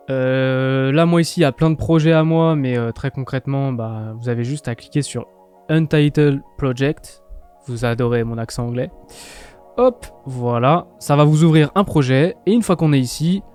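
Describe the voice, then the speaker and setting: Chatty French man giving a software tutorial. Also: medium pitch. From France. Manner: chatty, many filler "euh" and "bah". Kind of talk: casual screen-recorded tutorial.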